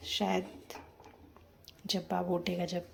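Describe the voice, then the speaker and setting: A woman's voice: fairly low pitch, completely flat delivery, slow pace, gravelly. A young woman chatting casually in a home vlog from her bedroom, rambling on and talking to her baby. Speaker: family vlogger. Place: bedroom at home with the door open. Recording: loud street traffic noise through open door.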